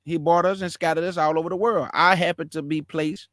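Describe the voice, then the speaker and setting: A man's voice: on the high side, fairly even intonation, brisk, fairly bright tone, no echo, studio quality. Fiery man ranting to his listeners. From Houston, Texas, USA. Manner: emphatic, repetitive, addresses listeners as family. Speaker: commentator reacting to a sermon clip. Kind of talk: impassioned reaction commentary.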